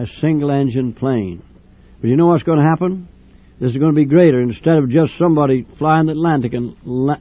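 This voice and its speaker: An older man preaching a fervent sermon with repeated, drawn-out phrases. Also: mid-range voice. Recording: tinny old radio broadcast.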